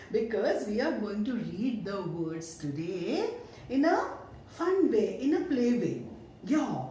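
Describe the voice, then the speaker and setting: A woman with an Indian English accent leads a phonics class for small children in a high, swooping, sing-song voice. She speaks slowly, sounding out each letter and cheering the class along. The recording is very echoey, with faint noise behind her. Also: warm tone. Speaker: kindergarten teacher. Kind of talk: online phonics lesson for young children.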